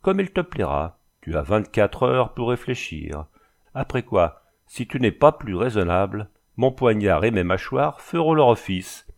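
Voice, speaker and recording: With a lowish, gravelly, exaggerated voice, a man reads a storybook a little slowly and in a sing-song way, voicing a tall, cold Flemish-accented bandit chief. His smiling, commanding tone comes across as coolly threatening.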